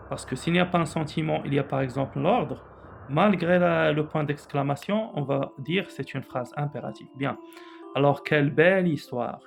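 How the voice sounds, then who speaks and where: A man teaching a grammar lesson from a workbook, repeating key points slowly and reading out examples before explaining them. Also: mid-range voice, creaky. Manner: reads out example sentences, then explains them.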